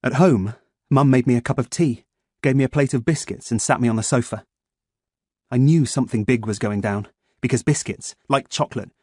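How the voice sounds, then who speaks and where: A man's voice: medium pitch, no echo. Man narrating an audiobook, dry sound. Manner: measured, expressive storytelling. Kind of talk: first-person audiobook narration.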